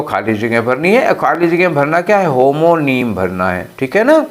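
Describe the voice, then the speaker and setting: A man teaching English for an exam, explaining in a mix of Hindi and English and asking and answering his own questions. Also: on the high side. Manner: slows way down to read out English phrases. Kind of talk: exam-prep lesson.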